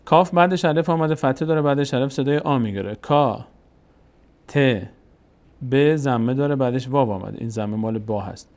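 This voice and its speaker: A man, teaching Quran reading in a mellow, dark voice. He stretches each syllable slowly and says it again, then rattles off the spelling rules. His pitch sits in a middle register. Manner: slow, drawn-out syllables repeated aloud, then quick explanations. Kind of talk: spelling out Arabic syllables in a recorded lesson.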